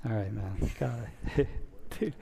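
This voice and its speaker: A man teaching a university class as a relaxed, chatty professor who keeps breaking off and restarting. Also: lowish voice, slow, gravelly. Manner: chatty, interrupts himself often. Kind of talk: casual classroom discussion. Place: large lecture hall. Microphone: wireless mic. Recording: reverberant lecture hall.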